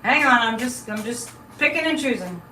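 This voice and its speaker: With lively intonation, a sharp tone and a moderate pace, a woman with a voice on the high side hosts a casual live psychic chat. She rambles, cutting off thoughts midway as she talks to viewers; the room is echoey, the mic distant, and faint noise is audible.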